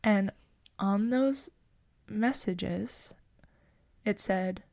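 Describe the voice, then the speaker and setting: An earnest young woman with a mid-pitched voice shares a personal ghost story on a podcast, emotional and hushed at the spooky moments. The recording is close and dry, with no room echo. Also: extremely slow, vocal fry. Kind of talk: casual chat and storytelling.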